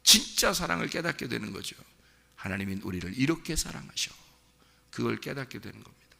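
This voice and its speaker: A man's voice: medium pitch, creaky, bright, forceful tone, long reverb tail. A male pastor preaching a sermon in an earnest, conversational way, speaking straight to his listeners. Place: church sanctuary.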